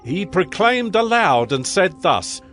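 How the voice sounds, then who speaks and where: Grandiose King Nebuchadnezzar, swooping slow delivery. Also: high voice, big pitch swings, fairly bright tone, soft background music, exaggerated voice. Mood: awed recounting. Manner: declamatory, solemn, measured royal delivery. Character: proud, grandiose ancient Babylonian king, awed by wonders. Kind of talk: dramatized audio scripture acting.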